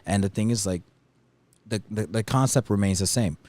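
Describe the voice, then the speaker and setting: A man's voice: fairly low pitch, moderate pace, darkish tone, no room sound. A man from New York with a New York accent, talking casually as a guest DJ, rambling with lots of fillers and restarts. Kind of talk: casual podcast chat.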